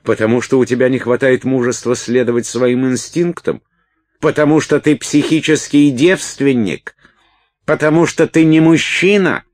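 A man's voice: a bass voice, gravelly, a little mellow, dry recording, full character voice. A male reader voicing a brazen, pushy woman who coaxes and mocks. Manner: teasing, coaxing, then scornful.

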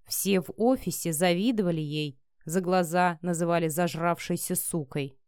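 A woman reading a romance novel aloud as an audiobook narrator, in an even, steady manner. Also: fairly low pitch, normal speed, clean tone, no room sound, clean studio sound.

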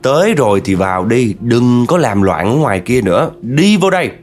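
A man's voice: medium pitch, very animated, normal speed, soft background music, close to an everyday voice. A man voicing a stern old female village fortune teller who speaks in a commanding, scolding way.

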